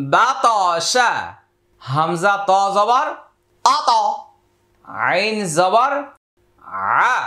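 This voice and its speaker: A man teaching Quran reading, sounding out each Arabic letter and vowel mark before repeating the syllable. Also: sharp tone. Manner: drops to a lower, quicker voice for spoken instructions. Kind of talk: slow syllable-by-syllable recitation lesson.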